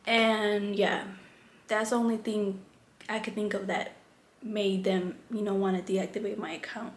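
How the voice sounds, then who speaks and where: A woman's voice: mid-range voice, little pitch movement, a little slow. A young adult woman vlogging in a candid, rambling way, full of "like" and restarts. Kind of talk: casual chat. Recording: echoey room, faint background hum.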